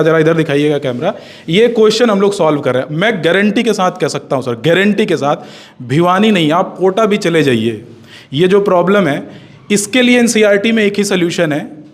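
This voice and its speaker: A male teacher with a notably high voice speaks with emphatic confidence. He explains his method on camera and hammers his points home by repeating them.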